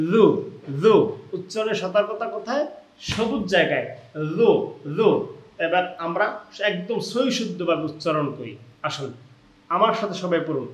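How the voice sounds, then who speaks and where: High-pitched male teacher, slow drawn-out sound demonstrations, roomy reverb. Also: a bit bright. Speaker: Quran recitation teacher. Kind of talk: step-by-step pronunciation lesson. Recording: echoey room.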